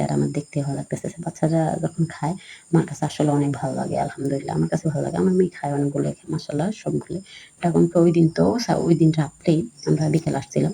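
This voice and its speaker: A woman's voice: sits low, vocal fry, dark tone, a little hiss or hum, poor audio. A woman narrating her family outing in a casual, rambling voice-over, repeating herself and adding fillers. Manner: rambling, repetitive storytelling with many fillers. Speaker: vlogger and mother.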